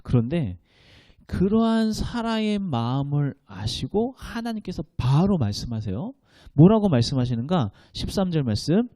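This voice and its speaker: A man's voice: on the high side, dry recording, studio quality. A man preaching a Sunday sermon as pastor, acting out quoted lines and leading the congregation in reading scripture aloud. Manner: animated preaching, acts out quoted lines in a voice of God and Sarah.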